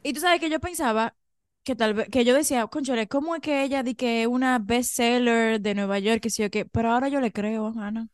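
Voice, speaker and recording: A woman's voice: a little high, brisk, clear, resonant tone, no room sound, studio quality. A woman, co-hosting a gossip podcast and recapping with emphatic enthusiasm. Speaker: podcast co-host. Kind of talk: casual gossip chat.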